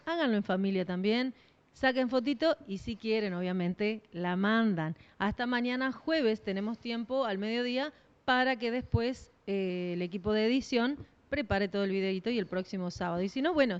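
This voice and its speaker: Woman, church co-host, encouraging, smooth voice, lo-fi stream. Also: medium pitch. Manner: encouraging, addresses listeners formally. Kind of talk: church announcements and exhortation. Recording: muffled lo-fi stream.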